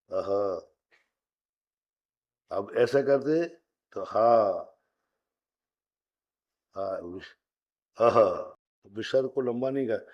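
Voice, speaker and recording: A man teaching a Sanskrit grammar class, explaining step by step, slowly chanting rules and putting questions to his students. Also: mid-range voice, warm tone, dull audio.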